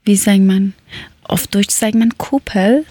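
Slow, hesitant young woman. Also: medium pitch, warm tone, husky, dry recording. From Afghanistan, born in Iran. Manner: hesitant, searches for words, many fillers. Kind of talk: casual conversation, learner German.

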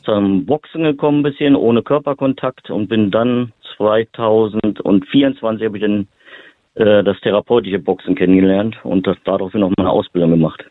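A man from Berlin talks as an interview guest about his therapy work. His voice sits low and comes through thin and phone-like with no room sound. His sentences run on, broken by fillers and restarts. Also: normal speed, dry recording. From Berlin, Germany. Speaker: boxing therapist and lecturer. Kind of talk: interview guest, casual explaining. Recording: tinny phone-line audio.

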